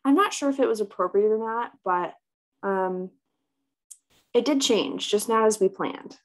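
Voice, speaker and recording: A woman's voice: medium pitch, measured pace. A woman speaking as a client in a counseling role-play, talking hesitantly and with self-doubt about herself.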